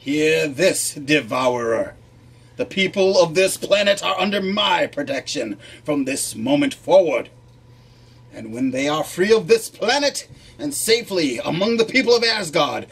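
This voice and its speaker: A man voicing a stern heroic thunder god with dramatic, drawn-out declamation. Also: a little high, animated, gravelly, husky, heavily acted. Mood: defiant.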